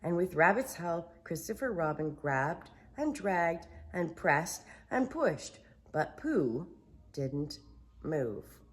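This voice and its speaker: A woman's voice: lowish voice, sing-song, slow. An older woman reading a children's story in a grandmotherly, storytelling manner. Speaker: storybook reader.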